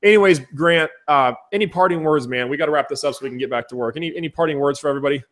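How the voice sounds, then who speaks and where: A man hosting a casual webinar, energetic and enthusiastic as he talks to his viewers, his voice going hoarse. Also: on the high side, racing. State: losing his voice. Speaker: webinar host.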